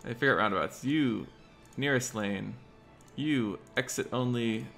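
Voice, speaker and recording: Gravelly and somewhat bright, a man's mid-range voice moves at a measured pace as he streams a city-building game, hiccups and all. Laying out roads, he talks half to himself and half to his chat, with faint music in the background.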